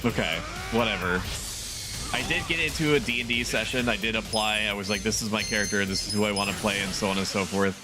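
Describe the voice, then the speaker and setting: A VTuber streamer with a fairly low voice live-streams a video game, talking quickly, rambling casually and laughing often as he plays. Game music runs underneath his voice.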